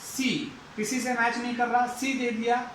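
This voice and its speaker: A man's voice: very high voice, monotone, moderate pace, a bit bright, echoey room, slight background noise, low-quality recording. A man teaching an English lesson, going through it methodically and repeating each step aloud. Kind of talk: explaining a lesson.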